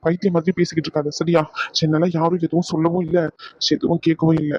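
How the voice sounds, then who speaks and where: A man's voice: on the high side, little pitch movement, a little mellow, breathy edge, no echo, lo-fi sound. A man voicing a remorseful cartoon husband. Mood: apologetic. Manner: apologetic, soothing, fast. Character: remorseful young husband, gentle, apologetic. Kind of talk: cartoon voice acting.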